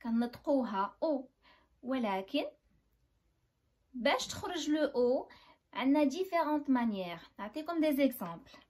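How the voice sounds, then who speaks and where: A woman's voice: high voice, expressive, normal speed, long pauses, a little mellow. A young woman with a Moroccan accent teaching basic French, explaining each point step by step and checking that her students follow. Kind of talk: classroom lesson.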